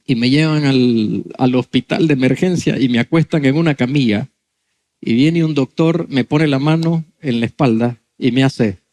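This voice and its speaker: A male pastor giving a sermon, telling a story with lively acted-out dialogue. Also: mid-range voice, normal speed. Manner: animated storytelling, acts out dialogue.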